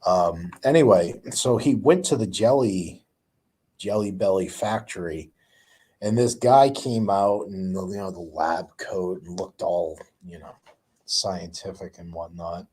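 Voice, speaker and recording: A man's voice: deep voice, unhurried, darkish tone, slightly rough. A man hosting a casual live chat, telling rambling stories with lots of groans and fillers.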